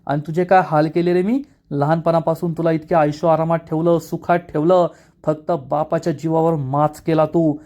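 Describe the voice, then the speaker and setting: Guy doing a stern politician dad chewing out his son, mellow voice, bit high. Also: level tone, normal speed, close to an everyday voice. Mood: scolding. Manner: scolding, contemptuous. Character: stern powerful older male politician scolding his son.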